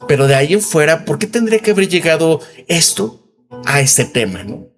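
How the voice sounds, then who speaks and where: A man's voice: on the high side, big pitch swings, normal speed, faint music behind. A Mexican man in his thirties hosting a casual commentary video, rambling and tossing in tag questions. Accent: Mexican Spanish. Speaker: commentary channel host.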